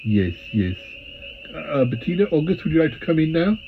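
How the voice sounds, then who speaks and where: A man playing a polite, fussy, reassuring caretaker in an audio drama, halting and often repeating himself. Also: fairly high pitch, big pitch swings, slight background noise. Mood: gentle, reassuring. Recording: muffled sound with prominent music. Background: music.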